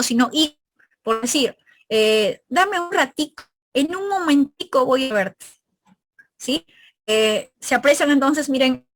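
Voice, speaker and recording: Her voice sits fairly high and a bit bright as she teaches a pre-university review class. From Peru, she carries a northern coastal Peruvian Spanish accent, explaining each step and regularly checking that students follow along in this recorded lecture.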